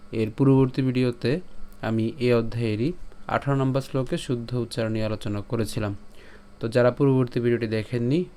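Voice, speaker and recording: A man teaching Sanskrit verse pronunciation in an online class, slowly chanting lines, then explaining briskly with questions to his listeners. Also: medium pitch, warm tone, smooth. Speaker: Gita recitation teacher.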